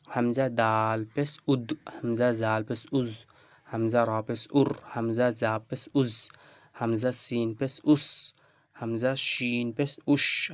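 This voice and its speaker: A male Quran teacher leads an online tajweed lesson at a very unhurried pace. He repeats each letter sound in a patient drill and keeps checking that the listener follows. His voice is close and dry, with no room echo. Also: mid-range voice. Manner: slow, repetitive drilling with frequent checks "right?".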